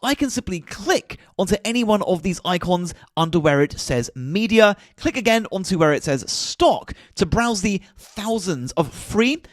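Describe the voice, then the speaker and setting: A man talks through a screen-recorded tutorial, giving click-by-click instructions in a high voice. His pitch jumps around with lively movement. The sound is dry and close, with no room echo. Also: normal speed, few pauses. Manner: step-by-step, instructive, repeats click directions. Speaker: tutorial host.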